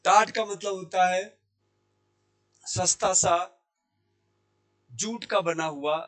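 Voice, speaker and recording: A man teaching Hindi grammar in a classroom lesson. He asks questions and answers them himself, repeating key words slowly. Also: sits high, a bit bright, faint music behind. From India. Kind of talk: classroom lesson explaining sandhi. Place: Jaipur language institute.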